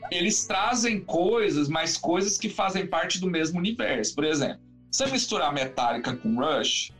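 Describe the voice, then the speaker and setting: A man talks about his music in a loose, rambling interview, his voice sitting a touch high, and he keeps restarting his sentences. Faint music plays behind him. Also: moderate pace. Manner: rambling, animated, lots of fillers and restarts. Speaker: musician guest. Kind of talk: casual interview chat.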